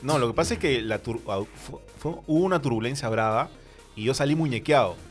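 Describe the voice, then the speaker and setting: A Peruvian man co-hosting a comedy podcast, his voice sitting at an ordinary middle pitch. He tells a story at length and pokes fun at himself, with faint music underneath. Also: a little fast. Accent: Peruvian Spanish. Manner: tells long rambling anecdotes with self-mocking humor. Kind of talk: casual comedic chat.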